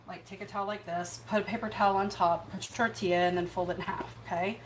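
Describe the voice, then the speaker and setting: Speaking at a quick pace in a steady mid-range voice, a woman runs a casual home cooking livestream amid very heavy noise. Her talk is rambling and chatty, full of jokes at her own expense.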